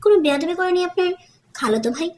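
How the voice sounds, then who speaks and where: A woman's voice: very high-pitched, expressive, a little fast. A woman doing a sneering, spiteful young wife. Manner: harsh and mocking.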